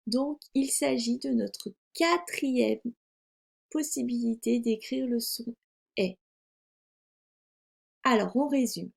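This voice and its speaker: Slow, careful woman teacher, slightly gravelly. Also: fairly high pitch. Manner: slow, careful, over-articulated delivery. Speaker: primary school teacher. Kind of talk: recorded phonics lesson for young children.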